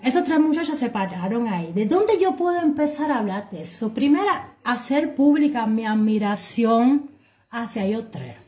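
A Cuban woman vlogging to her viewers, telling anecdotes in a sarcastic, animated way and swearing freely. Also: on the high side, normal speed. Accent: Cuban Spanish. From Cuba. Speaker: vlogger commenting on current affairs. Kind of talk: casual monologue to viewers.

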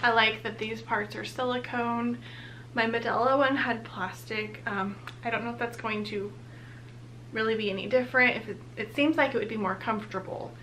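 A woman's voice: fairly high pitch, fairly even intonation, normal speed, fairly bright tone, slight background noise. Breathless chatty woman vlogger. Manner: chatty, upbeat. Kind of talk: casual product unboxing.

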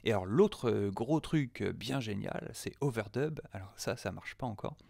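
A man's voice: lowish voice, expressive, normal speed, creaky, a little mellow, no echo, clean studio sound. A man from France, an audio producer, casually testing an app on screen, chatty with lots of fillers and muttered asides. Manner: chatty, many "euh" fillers, mutters asides half under his breath. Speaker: audio producer demoing software. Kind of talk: casual screen-recorded software test.

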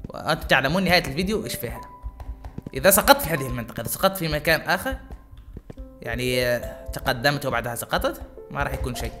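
A gaming YouTuber giving live gameplay commentary, excitable, muttering prayers under their breath and talking straight to viewers. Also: mid-range voice, rapid-fire, pauses often, music in the background.

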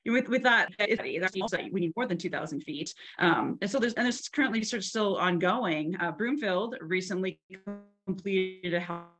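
A woman's voice: medium pitch, moderate pace, fairly bright tone, soft background music. A woman speaking on a webinar panel over a video call whose audio keeps breaking up, hesitant with many fillers and restarts. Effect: choppy conference-call audio breaking up.

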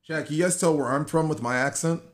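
An American man in his twenties chats casually on a live stream with his viewers and partner, joking and teasing in slangy speech. His voice is fairly high and fairly quick, recorded indoors in a small bedroom.

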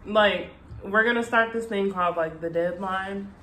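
A woman's voice: mid-range voice, moderate pace, bright, forceful tone. Young woman chatting through mouthfuls, echoey room. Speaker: mukbang video co-host. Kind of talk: casual chat while eating. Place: indoor room at a table. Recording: echoey room, light background noise.

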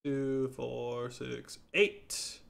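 A man's voice: mid-range voice, little pitch movement, very slow, creaky. A man giving laid-back, chatty commentary while streaming a game, chuckling often. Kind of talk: casual gameplay commentary.

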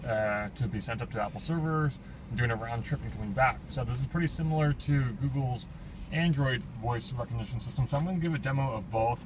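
A man presenting a casual product demo as a tech reviewer. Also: mid-range voice. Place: inside a car on a city street. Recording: clear urban street and car noise.

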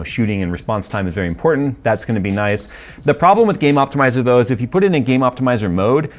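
A man in his forties with a lowish voice reviews tech gear casually, chatting and rambling with plenty of ums and laughs. He's in a studio workshop with a desk setup lit in purple and red.

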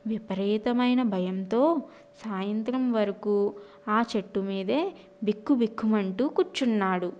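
A woman narrating a children's story in an expressive storytelling manner. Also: on the high side, muffled recording.

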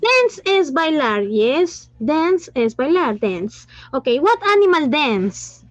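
A high-voiced woman teaches online in a sing-song way, stretching out her words as she switches between Spanish and English. She asks questions and praises her pupils; the recording is dull and lo-fi, with no echo.

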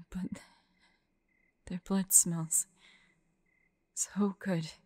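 A woman plays a young monster girl tormented by bloodthirst in an intimate audio roleplay, her voice medium-pitched and warm with no room sound. She sounds tender and frightened, speaking haltingly and slipping into whispers often.

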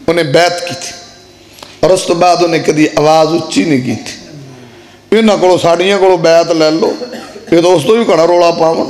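High-voiced preacher, drawn-out cadence. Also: male voice, fairly bright tone. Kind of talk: sermon.

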